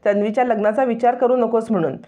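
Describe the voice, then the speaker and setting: A woman's voice: a little high, steady tone, fast talker, dark tone, close to an everyday voice. Woman reading as an indignant scheming young woman.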